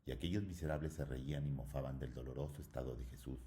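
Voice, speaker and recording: A man reading a religious novel aloud as dramatic narration, solemn and measured. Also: extremely low pitch, dark tone, slight background noise. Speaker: audiobook reader.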